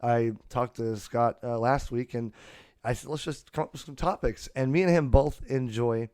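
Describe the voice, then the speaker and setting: This podcast host chats casually and unscripted about a hobby, rambling and often restarting his sentences. His voice is medium-pitched, darkish, clear and resonant, with fairly even intonation at a normal speed. He's close to a USB podcast mic, and there's no echo.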